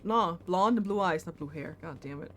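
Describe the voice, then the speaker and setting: Casting: laid-back woman on a game stream, somewhat low voice, faint hiss behind. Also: moderate pace. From Denmark. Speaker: gamer on a stream. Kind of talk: casual gaming chat.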